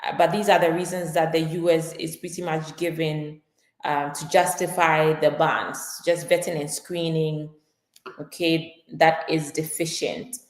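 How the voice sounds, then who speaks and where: A woman's voice: deep voice, level tone, a little slow, echoey room. A woman immigration attorney explaining legal updates on a live stream, talking it through with frequent fillers and restarts.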